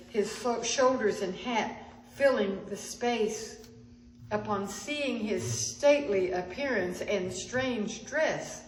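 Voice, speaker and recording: A woman narrating a Christmas story at a spiritual center service, gentle and expressive with small restarts. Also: mid-range voice, slight background noise. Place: church sanctuary. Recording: echoey sanctuary with faint ambience.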